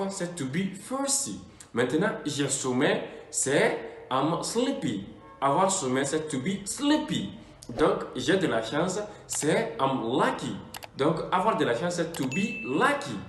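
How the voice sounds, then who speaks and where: A man teaching an English lesson in French, explaining each phrase and repeating the example words slowly and deliberately. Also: a little high, reverberant.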